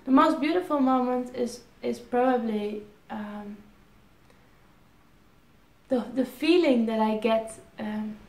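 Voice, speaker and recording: A Dutch woman in her twenties, an airline pilot vlogger from the Netherlands, reads out viewer questions and answers them casually, with ums and restarts. Her voice is a little high and darkish, and she takes it slowly with frequent pauses in a roomy-sounding space.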